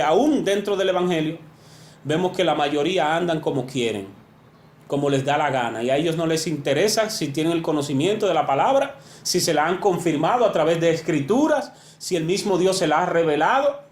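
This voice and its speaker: A man with a high voice preaches a sermon in an earnest, emphatic way, his pitch climbing and dropping to drive each point home. The sound is roomy and echoey.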